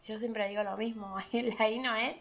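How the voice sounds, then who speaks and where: Gravelly chatty woman, lilt. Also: a little high, fairly even intonation, brisk, a bit bright, soft background music. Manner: chatty, laughing, acts out quoted voices. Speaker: podcast host. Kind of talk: casual reflective monologue.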